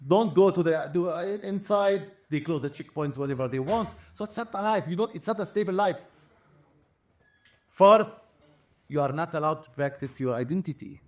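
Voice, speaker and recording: Earnest Palestinian Arabic-accented man, higher voice. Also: moderate pace. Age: 40s. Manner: emphatic, lists points one by one, often repeats words. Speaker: activist interviewee. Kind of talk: earnest interview testimony.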